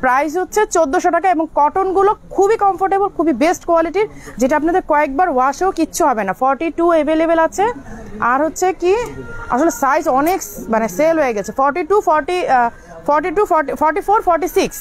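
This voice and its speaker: Fast-talking high-voiced woman seller. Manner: chatty, repetitive, stops to direct staff. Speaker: shop seller hosting a live clothing sale. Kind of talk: live product showcase. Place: indoors in a clothing shop outlet.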